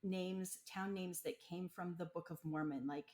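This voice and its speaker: A woman's voice: lowish voice, fairly even intonation, moderate pace, darkish tone. A woman from Utah chatting casually and explaining local words, with lots of fillers and frequent laughs. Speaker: local guest explaining slang. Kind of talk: casual chat.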